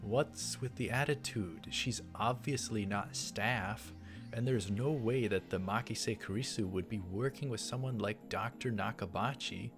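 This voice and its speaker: With game music in the background, a man hosting a let's play reads the story text aloud at a measured pace in a fairly low voice. He adds casual asides along the way.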